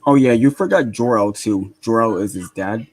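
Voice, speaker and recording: A man's voice: on the low side, normal speed, darkish tone, low-quality recording. A man chatting as a guest on a livestream, hesitant, with lots of ums and repetition. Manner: hesitant, repeats himself. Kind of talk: casual group chat.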